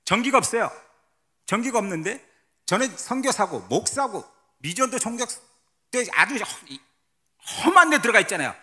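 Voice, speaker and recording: A man's voice: sits high, big pitch swings, moderate pace, long pauses, sharp tone. A man who is a missionary pastor, giving a testimony sermon at a church service, telling his story dramatically and asking the congregation questions. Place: church sanctuary.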